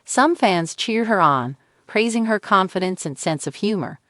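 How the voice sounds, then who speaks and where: A woman narrating a scripted entertainment news piece in an even read-aloud delivery. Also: mid-range voice, normal speed, no room sound, studio quality.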